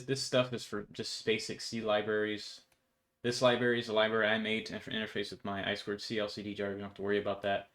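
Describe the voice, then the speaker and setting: A young adult programmer casually and slangily takes listeners through his project's code from a room at home. His voice sits on the low side and sounds a bit bright.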